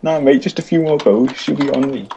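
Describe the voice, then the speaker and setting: A man's voice: medium pitch, brisk, gravelly, muffled recording, crowd noise. A man chatting casually while gaming, laid-back and teasing, often laughing. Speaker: gamer, co-player.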